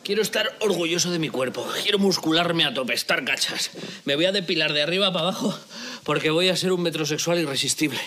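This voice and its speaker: A man's voice: a little high, fast talker, pushed and bright, slight background noise. A snappish, breathless lazy man. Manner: snappish, swearing. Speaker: sitcom tenant. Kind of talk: sitcom acting.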